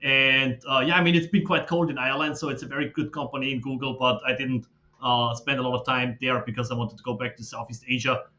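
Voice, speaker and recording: A man, a podcast guest who explains his background in a steady, filler-laden way. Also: medium pitch, quick pace. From Austria. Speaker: guest, fund manager. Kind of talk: casual interview talk. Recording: slightly dull lo-fi audio.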